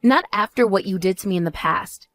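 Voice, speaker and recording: A woman voicing a calm older sister who speaks in a measured, patronizing way in a voiced story. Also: mid-range voice, faint music behind, voice pushed down, close to an everyday voice. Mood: firm. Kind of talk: voiced text story dialogue.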